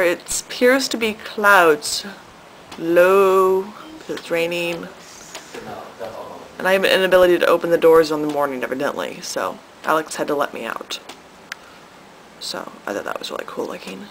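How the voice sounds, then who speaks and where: Bright-voiced young woman vlogging playfully. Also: lowish voice, a little hiss or hum, rough recording. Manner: playful, jokey asides. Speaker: exchange student. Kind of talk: casual travel vlog. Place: outdoors in a forest area.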